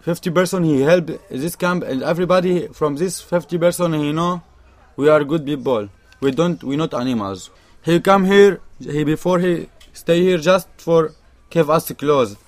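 A man's voice: a little high, moderate pace, hardly any pauses, no echo. A young man from Syria with a Syrian Arabic accent, speaking earnest, emphatic broken English as a refugee giving his testimony in an interview. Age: young adult. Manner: earnest, emphatic, repeats points, non-native grammar.

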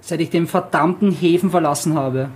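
A man with a breathy edge to his voice speaks at normal speed, his pitch on the high side. He casually introduces a book to an audience and shares the reading of a passage aloud in turns. In free speech he is hesitant, filling pauses with many fillers.

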